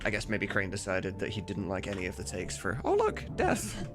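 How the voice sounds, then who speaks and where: This livestream host has a deep voice whose pitch swoops wildly, though his speed stays normal. An informal, sweary voice mod editor, he drifts between work and chat while music and keyboard clicks run behind him.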